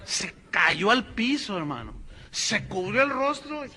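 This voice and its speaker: Animated pastor preaching. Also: male voice, high voice, slow, a little hiss or hum. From Mexico. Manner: animated, mocking, addresses congregation directly. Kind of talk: sermon. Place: church.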